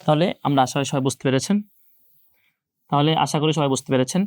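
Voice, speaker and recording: A young male Quran teacher in an online lesson, his voice sitting a little high for a man. He slowly and patiently repeats each letter sound so the students can follow. The recording is dry and close, with no room sound. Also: steady tone, dry recording. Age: young adult. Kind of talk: online class lecture.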